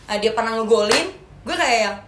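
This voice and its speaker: A woman's voice: a little high, lively intonation, normal speed. A woman with a Jakarta accent chatting casually and informally, in slangy speech, as a podcast guest. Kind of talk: casual chat. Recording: echoey room with faint noise.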